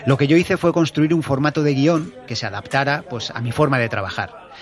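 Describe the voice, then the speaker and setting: A man hosts a podcast and answers listener questions about his work as an audio drama director. He talks in a measured, explanatory way, laying out his methods step by step. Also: medium pitch.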